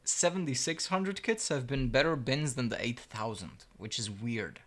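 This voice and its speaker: A man's voice: mid-range voice, moderate pace, fairly bright tone. Young man, muttering to himself, slangy, casual build-stream chat. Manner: mumbling to himself, slangy, swears. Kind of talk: casual live commentary while building.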